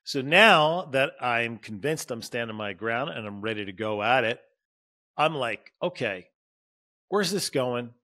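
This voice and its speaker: This relationship coach hosts a podcast, speaking directly to listeners as "you" and "guys" in a conversational, motivational solo talk. His mid-range voice sounds pushed and bright at a measured pace, and he acts out little quoted moments.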